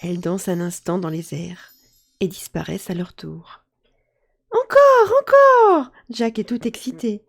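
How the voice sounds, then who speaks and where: A woman narrating a children's story in a lively, expressive way. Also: lowish voice, normal speed, vocal fry, breathy edge.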